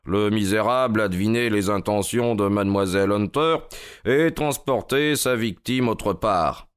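A man voicing an eager, commanding male detective who speaks briskly and urgently. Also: lowish voice, clear, resonant tone, close to an everyday voice.

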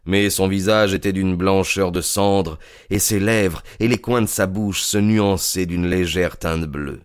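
A man narrating a story in a measured, descriptive way, like a dramatic audiobook reading. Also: sits low, steady tone, smooth, no room sound, studio quality.

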